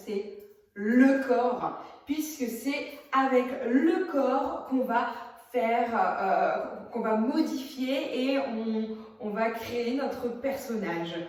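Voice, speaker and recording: A woman theatre workshop teacher giving a casual video lesson, talking with many hesitations while she demonstrates warm-up moves, filmed on a phone from a distance. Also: high-pitched. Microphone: phone camera at a distance. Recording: very echoey, voice from far off the phone.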